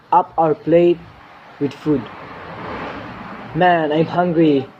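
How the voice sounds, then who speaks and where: A man's voice: a little high, highs cut off, a little hiss or hum, close to an everyday voice. A young man playing a bored Filipino immigrant teenage boy who grumbles casually about food and loneliness, with a Filipino accent. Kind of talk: student dramatic reading.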